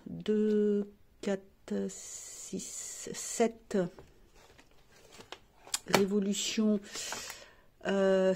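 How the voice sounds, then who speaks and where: A woman's voice: medium pitch, warm tone, slight background noise. A woman beauty vlogger chatting casually while showing her makeup, rambling with frequent restarts and fillers.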